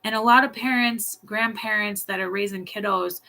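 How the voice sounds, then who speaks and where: A woman's voice: mid-range voice, steady tone, normal speed, sharp tone. A woman in her thirties talking casually as a parenting coach, earnest and thinking aloud, with many fillers, restarts and a repeated "right?". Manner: keeps asking "right?". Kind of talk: casual teaching talk.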